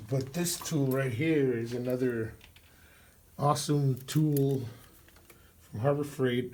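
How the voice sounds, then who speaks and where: A man with a medium-pitched, darkish voice made husky by a cold gives a loose, rambling walkthrough of a repair job in his garage. He's a DIY car mechanic vlogger filming on a phone he holds while under the vehicle, filling his talk with fillers and clearing his throat.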